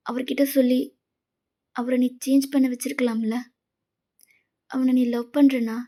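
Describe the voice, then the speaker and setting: A woman's voice: sits high, dark tone. A woman voicing the heroine's best friend, a young woman who scolds and accuses her. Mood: reproachful.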